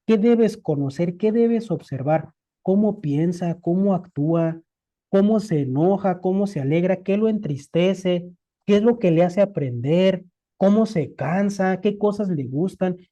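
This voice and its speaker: Mexican spanish speaker lecturing, super dark mellow voice, lots of questions back at you, muffled lo-fi sound. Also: mid-range voice, measured pace. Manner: explains with rhetorical questions and everyday examples. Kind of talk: conversational lecture. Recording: dull lo-fi recording.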